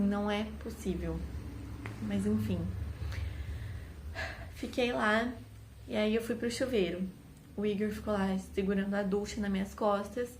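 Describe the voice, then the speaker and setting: A young woman tells a personal story to her vlog audience in a casual, candid way. Her voice sits at a middle pitch, and she stresses points by repeating words. A faint hum of noise runs beneath the recording. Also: darkish tone. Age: young adult. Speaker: vlogger.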